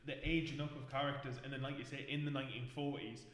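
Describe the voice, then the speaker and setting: A man's voice: mid-range voice, level tone, fast talker, a bit bright, slight background noise. Northumbrian man in an echoey room. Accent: Alnwick Northumbrian. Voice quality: rough regional accent. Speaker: podcast guest, castle tour guide. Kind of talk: casual chat.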